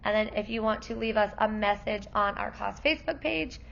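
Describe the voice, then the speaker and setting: A kindergarten teacher who is losing her voice explains class information to parents at a parent night, friendly and explanatory. Her mid-range voice is gravelly and worn, a little fast and a bit bright. The recording is muffled, with slight background noise.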